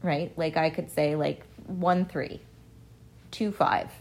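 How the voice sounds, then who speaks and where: A woman's voice: sits low, slow. A woman math professor, a radio interview guest, chatting casually and acting out the exchanges she tells about. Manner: animated storyteller, acts out quoted exchanges. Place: radio studio.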